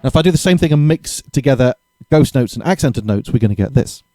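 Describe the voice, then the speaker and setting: A man giving a casual drum lesson, chatty and relaxed, correcting himself and counting beats aloud, with drums played between his explanations. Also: medium pitch, fast, over loud music. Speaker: drum teacher. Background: drumming between explanations.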